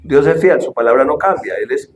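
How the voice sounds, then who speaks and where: A male pastor delivering an animated sermon, shouting the quoted lines and asking the congregation questions. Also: medium pitch, fairly quick, reverberant, a little hiss or hum. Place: church hall.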